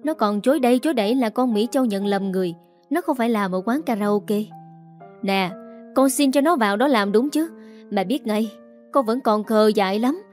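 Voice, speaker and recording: A shrill, haughty middle-aged stepmother who looks down on everyone, as a woman puts her on for a storybook. Her voice climbs high and sharp when she scolds. Faint music plays behind the reading. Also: normal speed, lightly acted. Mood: scornful.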